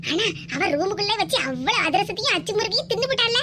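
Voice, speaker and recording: A greedy old mother-in-law in a cartoon, voiced by a woman, always scolding and grumbling. Her voice sits very high and the words tumble out fast. She speaks with a lilt. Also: very animated, very noisy. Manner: scolding, nagging. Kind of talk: cartoon voice acting.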